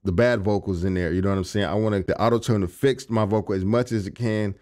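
A young, low-voiced music producer and engineer rattles along fast as he walks viewers through his home-studio vocal recording setup. He talks into a large condenser mic mounted on a stand. The tone is easygoing and conversational, peppered with "you know what I'm saying" and similar fillers.

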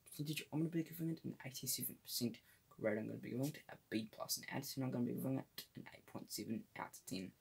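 A man's voice: mid-range voice, racing, creaky, darkish tone, slightly rough. A man giving a casual solo movie review, hesitant and full of fillers, often tripping over names.

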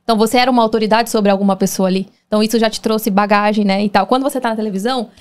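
Uma apresentadora brasileira de podcast, de fala bem ligeira, conduz a conversa com perguntas curiosas. O tom é aberto e animado, de estúdio. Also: female voice, mid-range voice, rapid-fire, clear, resonant tone. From Brazil. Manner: lively, conversational, leading questions. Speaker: podcast host. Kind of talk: casual interview chat.

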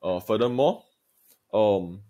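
Low-voiced male history teacher. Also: expressive, warm tone. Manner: deliberate, emphatic lecturing, addressing students directly. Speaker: secondary school history teacher. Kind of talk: recorded video lesson.

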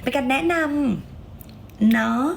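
A hoarse woman with a raspy voice, chatting playfully and coaxing viewers while selling on a livestream. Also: slow pace, slight background noise. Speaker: livestream seller. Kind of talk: casual livestream chat.

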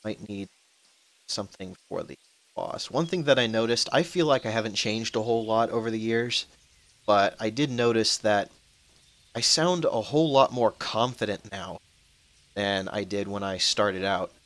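A twenty-one-year-old gaming channel host gives casual let's-play commentary, rambling and chatty and cursing now and then at what happens on screen. His voice is fairly low at normal speed, with no room sound. Faint background noise is present, and his voice drops out when soft.

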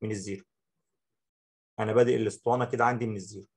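Fast gravelly Egyptian tutor. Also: male voice, fairly low pitch, fairly even intonation. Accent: Egyptian Arabic. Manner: talks the viewer through each step, repeating short phrases. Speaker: Photoshop instructor. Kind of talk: screen-recorded software tutorial.

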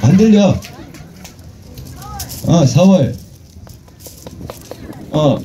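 Man, street performer emcee, high lively voice, crude jokes, shouted cues, crowd faintly behind. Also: extremely slow. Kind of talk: outdoor festival stage banter with the crowd. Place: outdoor festival stage.

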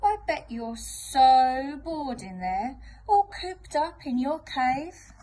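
A sly, hungry storybook wolf, put on by a woman reading aloud, sweet-talking in a slow, sing-song voice that swoops up and down. The coaxing is drawn out and theatrical, with faint hiss behind. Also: high-pitched, expressive, mellow.

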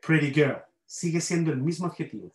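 A man's voice: on the high side, animated, fairly quick, reverberant, low-quality recording. A man with a Chilean accent teaching a university grammar class online. He explains by repeating examples and checks in with his students. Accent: Chilean Spanish.

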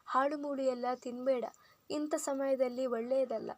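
A woman voicing a gentle middle-aged mother who speaks softly and caringly. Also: high-pitched, fairly even intonation, measured pace, no room sound. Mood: tender. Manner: soft, caring.

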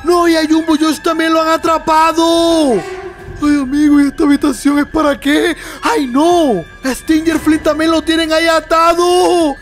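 Very high-voiced excitable male YouTuber. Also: measured pace, faint music behind. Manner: excitable, calls viewers friends often. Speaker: YouTuber host. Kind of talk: excited game trailer reaction.

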